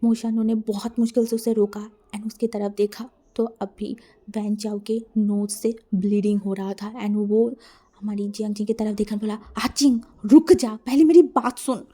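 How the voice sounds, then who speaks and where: Mellow woman narrating a fan-fiction story. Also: mid-range voice, flat delivery, normal speed. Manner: dramatic, mixing in English words.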